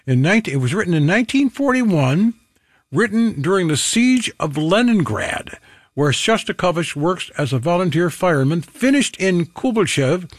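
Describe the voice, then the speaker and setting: A man's voice: high-pitched, dry recording. A man hosting a classical music radio show from a studio, talking casually and adding wry asides between pieces. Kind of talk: casual on-air presentation. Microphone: studio microphone.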